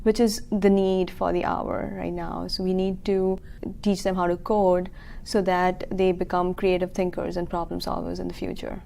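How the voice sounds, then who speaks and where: A woman's voice: lowish voice, little pitch movement, normal speed, gravelly, warm tone, a little hiss or hum. Earnest woman in her thirties, many fillers. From Kuwait. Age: 30s. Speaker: founder of a coding school. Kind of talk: local TV business interview.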